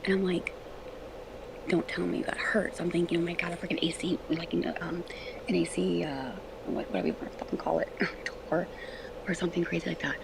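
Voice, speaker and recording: A woman talking in a hushed, half-whispered way, swearing and rambling with many fillers. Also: fairly low pitch, fairly even intonation, brisk, vocal fry. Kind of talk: casual chat. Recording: noisy background.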